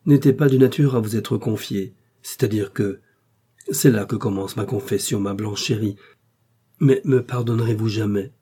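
A man's voice: on the low side, moderate pace, mellow, slightly rough. A man reading aloud and voicing a charming young husband who coaxes and pleads in a storybook reading. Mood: pleading. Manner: coaxing, playful.

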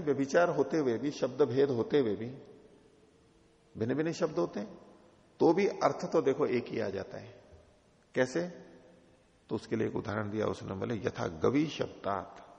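A man with a gravelly voice gives a scripture commentary lecture. He recites Sanskrit slowly and then explains it step by step. The recording is dull and muffled, with a long reverb from a large hall. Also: medium pitch, a little mellow. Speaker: Sanskrit philosophy teacher.

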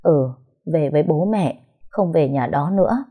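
A woman's voice: sits low, expressive, measured pace, breathy edge, phone-quality sound, full character voice. A woman voicing an anxious older mother from the countryside, pleading and scolding. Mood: tearful. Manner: fretful, pleading.

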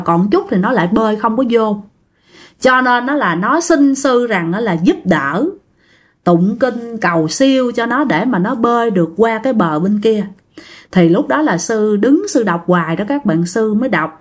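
A woman hosting a ghost story show, telling stories in a chatty way and often turning to her listeners. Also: medium pitch. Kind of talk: casual ghost story narration.

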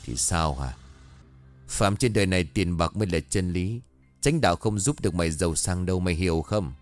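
A man voicing a greedy male sorcerer of dark arts, speaking in a calm, smug and mocking way. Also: deep voice, a little fast, soft background music.

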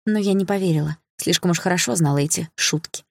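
A woman narrating an audiobook in the first person, calm and steady. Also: fairly low pitch, fast talker, vocal fry, dry recording, studio quality.

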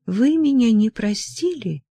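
A woman reading the lines of a gentle, sorrowful young noblewoman in an audiobook, softly and tenderly. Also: medium pitch, measured pace, dry recording, clean studio sound, pitched above the performer's own voice, close to an everyday voice. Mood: gentle, sad.

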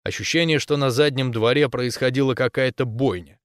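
A man narrating a first-person audiobook in a measured voice with wry, deadpan asides. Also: mid-range voice, clean tone, dry recording, studio quality.

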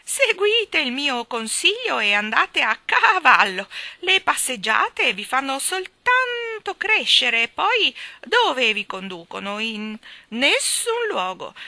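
A woman voicing an eccentric, bossy old woman with a shrill, squawking voice, speaking in emphatic, drawn-out exclamations. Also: bright, forceful tone, no room sound, full character voice.

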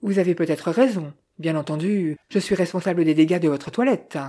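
A woman's voice: lowish voice, a little fast, warm tone, lightly acted. A woman voicing a polite, joking young man in an audiobook, courteous and wry.

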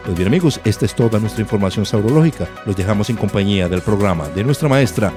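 A man's voice: lowish voice, lively intonation, quick pace. A man hosting a radio show, reading announcements and respectfully interviewing a guest. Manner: respectful, addresses guest as "madre". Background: music.

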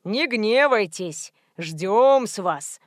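A woman's voice: medium pitch, expressive, drawn-out words, no echo, studio quality. A woman reading an audiobook, voicing an old, hard-of-hearing male gatekeeper who mumbles toothlessly. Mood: grumbling.

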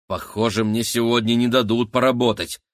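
A man's voice: fairly high pitch, big pitch swings, measured pace, sharp tone, no room sound, studio quality, voice pushed up, heavily acted. A man voicing a stubborn, irritated adult explorer in an audiobook. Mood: indignant. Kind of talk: audiobook character voice.

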